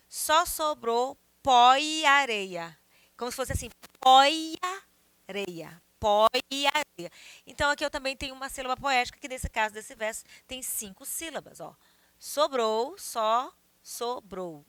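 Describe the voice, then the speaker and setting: A woman teaching a lesson on verse and syllables, with a bright, tense edge to her fairly high voice. She talks students through each step and keeps checking that they follow. The recording is close and dry, with almost no room sound. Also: no room sound. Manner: explanatory, checks understanding with tags like "tá?" and "né?". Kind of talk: video lesson explaining poetic meter.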